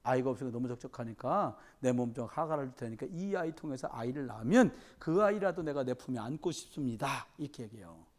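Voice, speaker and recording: A male pastor preaching a sermon, telling Bible stories with animated acted-out dialogue. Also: mid-range voice, fast talker, hardly any pauses. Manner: animated storytelling, acting out Bible characters in dialogue.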